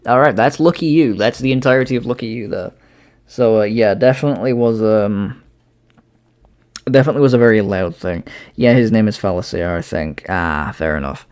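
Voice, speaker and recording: A young livestream host talks briskly from home in a fairly low, darkish voice. His commentary is casual and reactive, with easy laughter and swearing.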